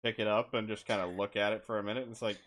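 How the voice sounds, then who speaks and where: A man's voice: fairly low pitch, fairly even intonation, very fast, a bit bright. A man playing a tabletop game with dry, offhand humor. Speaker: player.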